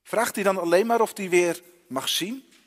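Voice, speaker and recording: A man's voice: high-pitched, moderate pace, in a large hall. A man preaching a children's sermon in a church, often asking the listeners direct questions.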